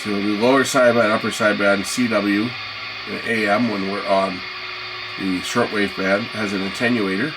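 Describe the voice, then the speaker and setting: A male product reviewer gives a casual hands-on gadget demo, musing aloud as he tries the controls. His voice is lowish, with fairly even intonation and a moderate pace. The noisy recording carries radio static, ambience, and background music.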